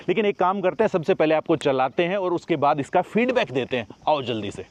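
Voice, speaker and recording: A man's voice: high-pitched, darkish tone, no echo, lo-fi sound. A man casually reviewing a new car, talking straight to his viewers as friends, partly from behind the wheel. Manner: chatty, addresses viewers directly as friends. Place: in and around a car, partly while driving.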